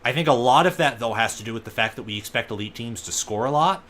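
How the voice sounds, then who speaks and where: A young man casually commenting on a football game as it happens, thinking aloud with relaxed asides. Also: medium pitch, fast talker. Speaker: live reaction host.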